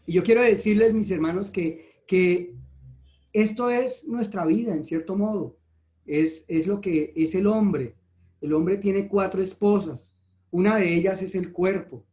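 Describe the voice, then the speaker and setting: A man's voice: high voice, measured pace, dark tone. A man preaching a sermon, telling a parable and speaking directly to the congregation. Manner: storytelling, addressing the congregation directly.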